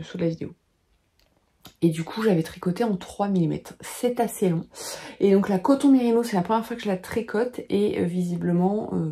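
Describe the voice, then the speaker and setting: A woman's voice: fairly low pitch, creaky, warm tone. A woman in her thirties chatting casually to camera at home, thinking aloud with lots of filler sounds. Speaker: knitting vlogger and pattern designer. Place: home at a desk, lit by a lamp.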